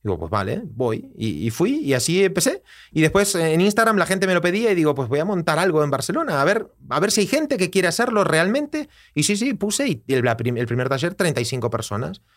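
A man with an Argentine accent, a guest telling his story in a relaxed, reflective interview with many restarts. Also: a little high, a little fast. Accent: Argentine Spanish. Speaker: guest, personal development teacher. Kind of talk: casual conversational interview.

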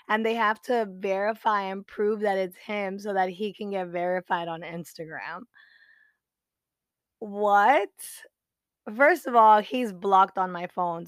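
A woman's voice: medium pitch, no echo. A young woman hosting a podcast, telling a personal story in a casual, chatty way with lots of fillers and acted-out quotes. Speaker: podcast host.

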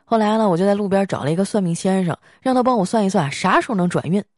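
A woman's voice: mid-range voice, dry recording, clean studio sound. A young woman doing a comic storytelling monologue, joking and drawing out her particles. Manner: lively, joking, sprinkled with drawn-out particles. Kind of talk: comic monologue with sponsored segment.

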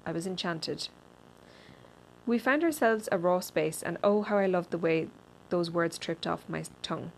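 A woman reading a personal essay aloud in a deadpan, wry way, now and then stumbling and restarting a word. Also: fairly low pitch, measured pace, gravelly, slight background noise, poor audio. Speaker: reader.

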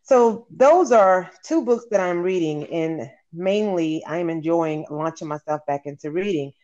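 A guest sharing personal habits in a measured, reflective way. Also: medium pitch, lively intonation, darkish tone. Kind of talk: casual interview chat. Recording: dull lo-fi line.

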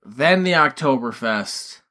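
A man's voice: medium pitch, lively intonation, slow, bright, forceful tone. A man co-hosting a podcast in casual chat, rambling and swearing freely as he talks. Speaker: podcast co-host.

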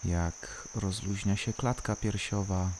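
A calm, soothing voice guiding a body-scan relaxation, unhurried and leaving long pauses between short instructions. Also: sits low, a little hiss or hum. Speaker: guided relaxation narrator. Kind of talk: slow guided body-scan meditation.

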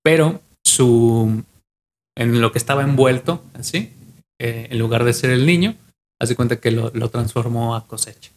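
A young man with a Mexican accent tells an old legend on a casual podcast. He pieces the story together from memory, circling back over his words and restarting phrases as he goes. His voice sits at an ordinary middle pitch. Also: normal speed. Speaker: podcast co-host.

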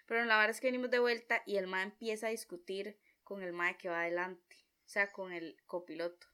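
Bright-voiced Costa Rican woman telling a story. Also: mid-range voice, brisk, clean tone. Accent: Costa Rican Spanish. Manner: chatty, expressive storyteller with lively quoted reactions. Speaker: vlogger. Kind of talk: storytime vlog.

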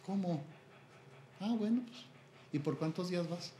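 A man's voice: sits high, a little slow, dark tone, echoey room, slight background noise, voice pushed up. A man with a Mexican Spanish accent voicing a worried, fretful middle-aged mother as he retells a family conversation.

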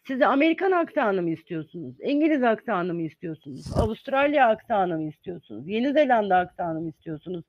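A man's voice: sits high, dry recording. A man who teaches English, answering interview questions in an earnest, explaining manner with many hesitant fillers. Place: lives in the United States. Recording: dull, dry sound.

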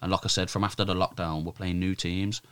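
A man's voice: deep voice, level tone, fast talker, fairly bright tone, clean tone, no room sound. A man with a British urban roadman accent, chatting casually and emphatically in heavy street slang as a football manager being interviewed. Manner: roadman slang, emphatic, repeated "bruv" and "innit". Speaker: Sunday league football team manager, interview guest. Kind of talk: casual, animated chat.

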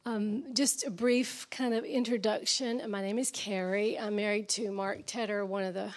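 An older woman with a raspy, strained, nearly lost voice, giving an informal, chatty, self-deprecating talk as a guest speaker. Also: mid-range voice, steady tone, normal speed. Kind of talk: informal talk to a church audience.

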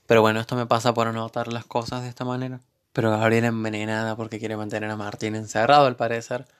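A man's voice: on the low side, little pitch movement, fast talker, clear, resonant tone. A man with an Argentine accent recapping a TV series episode in a casual, sarcastic way with joking asides. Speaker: TV series reviewer.

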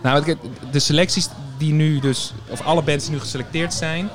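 A man's voice: a little high, steady tone, brisk, music in the background. A man guest chatting on a radio show about booking bands, with many fillers and restarts. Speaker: festival programmer, guest. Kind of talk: casual radio chat.

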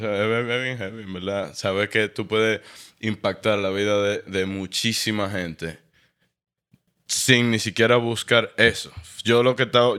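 A man tells his story in a relaxed podcast chat. His voice sits low but sounds bright and forceful, and he acts out quotes with lively expression. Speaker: guest.

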